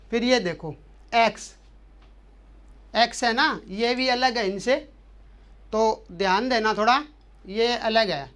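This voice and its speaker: In a language lesson explaining letters, a man teaches the German alphabet, patiently drilling each letter by asking a question and answering it again and again. His voice is very high-pitched with a fairly bright tone.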